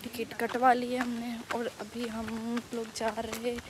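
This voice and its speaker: Young woman, travel vlogger, chatty, talks straight to viewers, slightly high voice, phone at arm's length, noisy outdoor audio. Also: monotone, a little slow. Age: young adult. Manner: chatty, addresses viewers directly. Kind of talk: casual travel vlog. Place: outdoors on a rainy hillside trail. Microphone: phone camera at arm's length.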